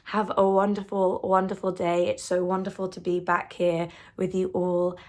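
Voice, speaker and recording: A woman in her twenties calmly and earnestly sharing her spiritual awakening, often repeating words for emphasis. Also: fairly low pitch, moderate pace. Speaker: spiritual channel host. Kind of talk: reflective spoken monologue on awakening.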